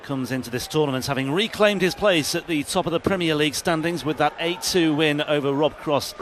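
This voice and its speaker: A man's voice: fairly high pitch, fairly quick, fairly bright tone. A man giving live darts commentary as the lead commentator. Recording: clear venue noise behind the commentary.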